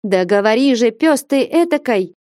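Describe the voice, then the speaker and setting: A woman's voice: on the high side, animated, measured pace, darkish tone, no room sound, clean studio sound, pitched above the performer's own voice. Flyonushka, a fiery young woman voiced by a woman. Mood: scolding. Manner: scolding, insistent, mocking. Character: sharp-tongued young woman, bold and impatient.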